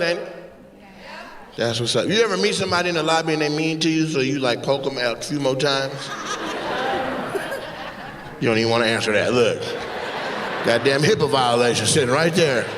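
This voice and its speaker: A man's voice: a little high, background noise. A man doing live stand-up crowd work, brash and teasing, recorded in a large venue. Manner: brash, teasing, quick-witted. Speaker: stand-up comedian. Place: large comedy venue, on stage. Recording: live venue with long reverb and loud background.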